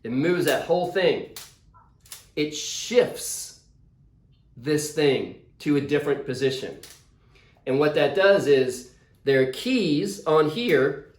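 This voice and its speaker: This visiting author talks slowly to schoolchildren, pausing often, though his somewhat high voice stays animated. He explains things in an easygoing, enthusiastic manner. The video call sounds roomy and echoey.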